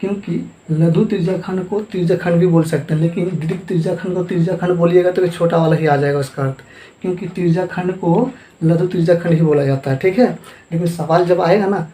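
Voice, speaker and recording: A man's voice: high voice, steady tone, a little fast, dark tone. A man teaching a math lesson, who asks questions and answers them himself and repeats each term. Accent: Hindi-speaking eastern India, Jharkhand. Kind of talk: classroom lesson at a board. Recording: echoey room.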